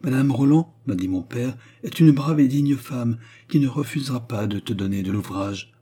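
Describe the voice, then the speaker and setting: A man reading aloud, voicing a humble, trembling poor young woman in a softly raised voice. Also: mid-range voice, normal speed, breathy edge, pitched above the performer's own voice, lightly acted.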